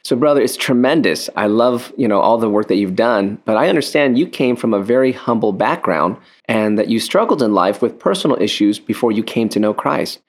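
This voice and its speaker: A man's voice: lowish voice, lively intonation, fairly quick, few pauses. A middle-aged man hosting an evangelical radio interview, chatty and enthusiastic, often cutting in with "wow". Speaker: radio show host, evangelist.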